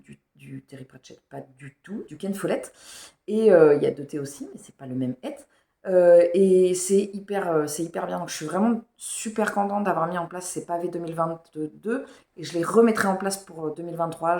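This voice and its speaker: A woman's voice: fairly low pitch, a little mellow. Chatty woman book vlogger, echoey room. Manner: chatty and rambling. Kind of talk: casual chat.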